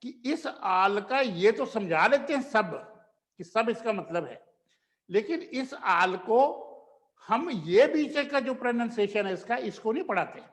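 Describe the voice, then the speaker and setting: Man from India, teacher, slow deliberate speech, spells out example phrases, long reverb in a classroom. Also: high voice, lively intonation, fairly bright tone. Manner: slowly spells out example phrases, mixing Hindi and English. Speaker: English teacher. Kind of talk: classroom lesson. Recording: echoey room with long reverb.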